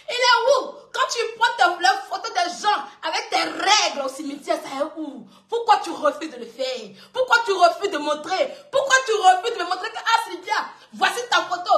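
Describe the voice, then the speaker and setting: A woman from West Africa mocks a rival to her viewers with a high, piercing voice, laughing between each jab and repeating her lines for effect. Her tone is bright and cutting, and the room around her rings with echo. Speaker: online personality doing a live clash. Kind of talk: taunting monologue to viewers.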